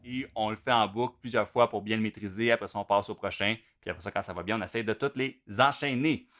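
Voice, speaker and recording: A man's voice: on the low side, fast, a bit bright. A man explaining drum exercises step by step, in a patient, methodical way. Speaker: drum teacher. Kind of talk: instructional video explanation.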